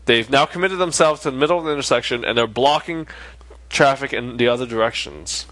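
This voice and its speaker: A man co-hosting a casual late-night podcast chat, rambling through stories with halting restarts. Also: mid-range voice, fairly bright tone, no echo. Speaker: podcast co-host.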